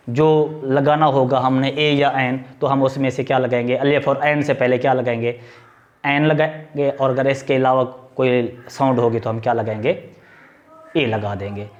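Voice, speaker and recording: A man's voice: medium pitch, fairly even intonation, moderate pace, dull audio. A man teaching a video grammar lesson, patiently explaining and repeating key points, asking questions and answering them himself. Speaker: English teacher.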